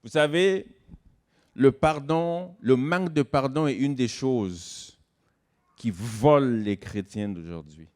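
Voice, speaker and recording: Preaching man, loud then hushed. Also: animated. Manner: swings between loud emphatic stresses and hushed low asides; slows down to stress key words. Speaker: guest pastor. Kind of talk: sermon.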